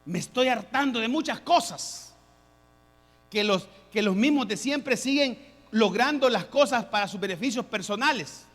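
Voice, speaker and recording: A man preaching a sermon as a pastor, building to loud, rising emphasis as he addresses his congregation. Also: extremely high pitch, animated, normal speed, long reverb tail.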